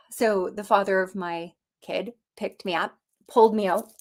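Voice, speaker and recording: A woman from Canada telling her own story in casual talk, animated, with many fillers and restarts. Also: medium pitch, a little slow. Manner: animated, acts out voices in quoted dialogue. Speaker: personal storyteller.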